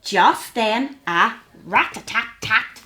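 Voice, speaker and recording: Casting: female children's story reader, high, very expressive, sing-song and unhurried. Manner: sing-song, deliberate phrasing. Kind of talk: animated storybook narration for young children.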